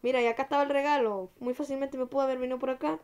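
Excitable high-voiced woman gaming. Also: racing, slight background noise. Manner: excitable, pleading, chatty with viewers. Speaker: gamer playing online. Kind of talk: casual gameplay commentary.

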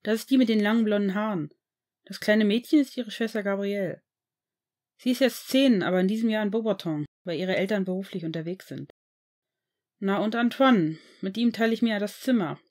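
A woman's voice: medium pitch, a little mellow, lightly acted. A woman reading a shy teenage boy wizard. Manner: hesitant, halting and embarrassed.

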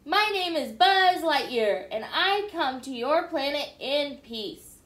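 A boastful male toy space ranger from a storybook, as a woman reading aloud puts him on, declaring everything grandly. His voice sits high and ringing. The reading is recorded in an echoey room. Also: animated, takes it slowly, fairly bright tone, heavily acted. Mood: proud.

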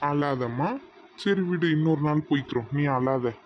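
A man's voice: on the high side, normal speed, dull audio, slight background noise, lightly acted. A man voicing a mild husband caught between wife and mother in a family cartoon, placating and soothing.

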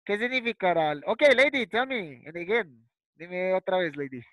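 A man's voice: high-pitched, animated, moderate pace, a bit bright, no room sound, low-quality recording. Patient man teaching children online. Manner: patient, repeats words, ends lines with ¿cierto? and ¿listo?. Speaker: primary school English teacher. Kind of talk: online class in Spanish and English. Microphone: video call.

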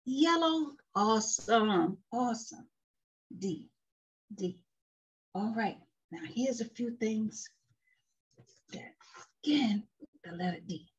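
A woman leading a slow, sing-song circle time lesson for small children, coaxing them to repeat words. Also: mid-range voice, slightly rough. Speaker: preschool teacher. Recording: dull lo-fi sound with faint music.

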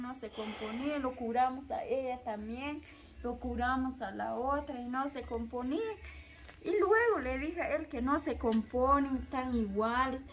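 A young woman telling a personal story in a halting, repetitive way. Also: high voice, slight background noise. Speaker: interviewee, mother. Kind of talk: personal testimony.

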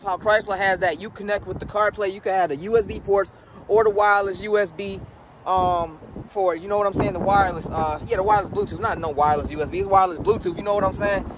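A man's voice: high-pitched, steady tone, fast, crowd noise, rough recording. A man giving a casual, slangy and profane walkaround of a car, talking straight to his viewers while filming outdoors on a handheld phone. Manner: slangy, loose and profane, addresses viewers directly. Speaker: car vlogger. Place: outdoors beside a parked car. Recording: outdoor wind noise on the mic.

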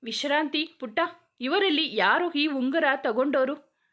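A woman's voice: high-pitched, measured pace, fairly bright tone. A woman voicing a tough male police officer who interrogates suspects in a commanding, threatening way. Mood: stern.

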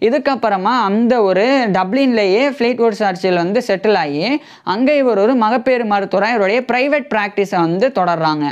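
A man's voice: high voice, clean tone. Young guy with a lapel mic in a studio, explaining history casually, keeps repeating points, kinda dull lo-fi audio. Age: young adult. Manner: repeats each point and glosses English terms in plain words. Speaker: history presenter. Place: indoor studio with green-screen news backdrop.

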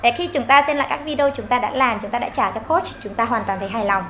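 A woman's voice: a little high, fast, pushed and bright, slight background noise. A woman teaching English pronunciation to Vietnamese speakers, modelling each word with exaggerated rising and falling intonation. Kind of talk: online English pronunciation lesson.

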